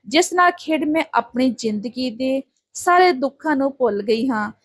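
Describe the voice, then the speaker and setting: A protective adoptive mother refuses sharply and defiantly. A woman voices her in a high-pitched voice. The sound is dry and close. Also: no room sound.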